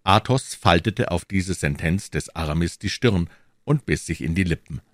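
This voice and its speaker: Expressive low-voiced male audiobook reader. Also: normal speed, dry recording, studio quality. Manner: expressive classic reading. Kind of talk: scripted narration.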